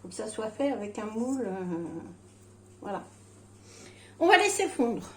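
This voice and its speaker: A woman's voice: fairly high pitch, big pitch swings, measured pace, a little mellow, roomy sound, a little hiss or hum. A woman with slurred, toothless articulation from missing dentures, chatting casually and hesitantly through a home cooking demonstration, often breaking off mid-sentence. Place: at home in a kitchen.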